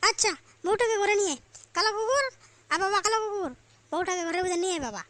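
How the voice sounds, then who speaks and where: Woman doing a soft-hearted cartoon mom who keeps pleading, in a very high, bright voice. She talks fast and repeats her coaxing over and over. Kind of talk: comic cartoon voice acting.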